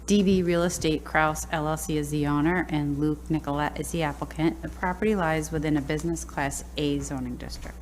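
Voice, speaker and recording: Woman reading a formal agenda item, low voice. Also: brisk, hardly any pauses, slight background noise. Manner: formal, even, procedural. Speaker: hearing chair or staff.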